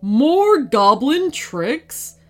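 A woman voicing a huge, grumpy and lonely male dragon, speaking slowly and gruffly. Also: medium pitch, sing-song, faint music behind. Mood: angry.

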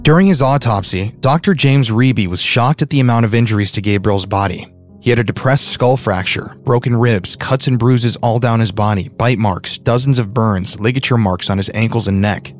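A man narrates a true crime story in a steady, grave tone. Soft music plays under his voice. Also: medium pitch, moderate pace. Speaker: podcast narrator. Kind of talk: scripted narration.

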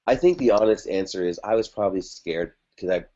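A podcast guest rambles through a personal story about a past relationship in casual chat, full of fillers and restarts. His voice sits low, moves a little fast and sounds mellow, though the audio is dull.

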